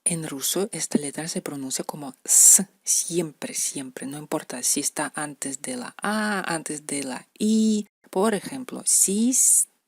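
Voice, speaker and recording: A woman teaches letter sounds at an unhurried pace, saying each example word again and again. Her low voice has a husky edge, and the recording is close and dry. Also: no echo. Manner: patient, repeating example words slowly. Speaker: language teacher. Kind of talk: explaining letter pronunciation to beginners.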